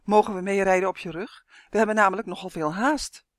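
A reader voicing an excited young boy in a storybook reading, calling out high and loud. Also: fast, no echo, studio quality, natural voice.

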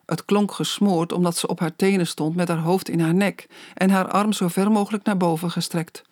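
An audiobook narrator reading a children's story aloud in a slow, measured way. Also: mid-range voice, fairly even intonation, a little mellow, dry recording, studio quality.

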